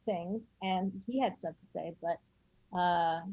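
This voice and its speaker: A woman's voice: on the low side, slow, mellow, husky, no room sound, lo-fi sound. A woman chatting casually on a podcast, hesitant and trailing off mid-thought. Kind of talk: casual chat.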